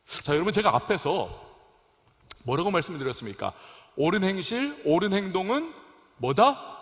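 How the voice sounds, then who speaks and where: A young male pastor preaching a sermon in a church, calling out questions to the congregation and swinging between loud emphasis and soft drops. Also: fairly high pitch, long reverb tail. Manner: preaching with call-and-response to congregation. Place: church sanctuary.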